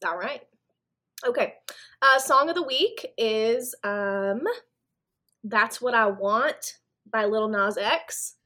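A young woman with a fairly high voice co-hosts a casual podcast. She is chatty, laughs a lot and swears offhandedly. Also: slow pace, long pauses, sharp tone. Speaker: podcast co-host.

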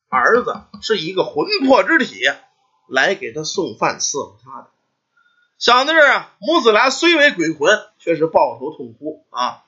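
A man telling a ghost folk tale in a lively, chatty style full of asides. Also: sits high, breathy edge. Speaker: storyteller. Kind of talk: oral folk storytelling. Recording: dull lo-fi recording.

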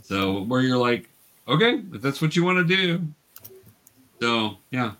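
Explaining and narrating a tabletop game for kids over an online call, this patient game master speaks casually. His medium-pitched voice is a bit bright and unhurried, with big pitch swings.

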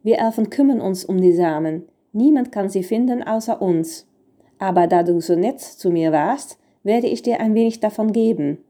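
A tiny male elf from a storybook, cranky at first but kindly underneath, put on by a woman. He talks slowly in a lowered, grumbling voice. The tone stays soft and mellow. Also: lightly acted. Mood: lecturing.

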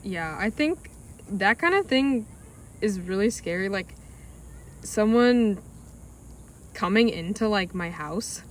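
A young woman from Alaska in casual chat on a podcast, giggly and halting as she talks. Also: medium pitch, expressive.

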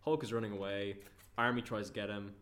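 A man's voice: fairly low pitch, fairly even intonation, fairly quick, a bit bright. A man co-hosting a casual film review chat, rambling and swearing freely. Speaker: podcast co-host.

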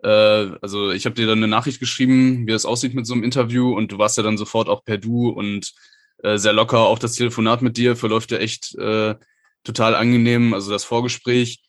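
This man hosts an aviation podcast, his lowish voice steady in tone and a little quick. He interviews in a casual, friendly, chatty way, full of fillers, and the sound is clean studio audio with no room sound.

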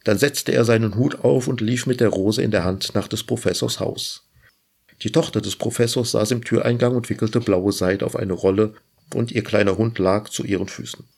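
A man reads a fairy tale aloud with measured, lyrical phrasing. His voice sits low and carries a husky, gravelly grain. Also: fairly even intonation, a little mellow. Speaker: host reading literature. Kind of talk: storybook reading.

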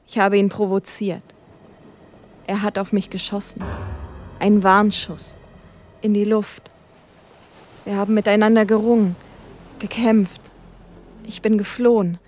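A frail old man pleads and confesses in slow, loud, urgent bursts, as a woman reads him out. The delivery stays measured and drawn out. A faint hiss sits under the storybook recording. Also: medium pitch, natural voice.

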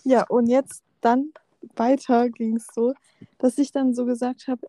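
A woman's voice: on the high side, little pitch movement, unhurried, dark tone, dry recording. A teenage girl chatting casually and telling a story, correcting her friend's version of events. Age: teens.

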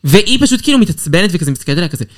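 A man co-hosting a podcast in casual chat, animated and quick to laugh. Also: high-pitched, heavy background noise. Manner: animated, laughs often, refers to himself in feminine forms. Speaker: podcast co-host. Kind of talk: casual chat reviewing a reality show.

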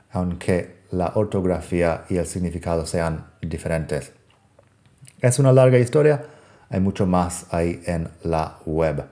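A man's voice: deep voice, dark tone. A man teaching English pronunciation in a podcast lesson. He is a native English speaker and repeats each English word to model how it sounds.

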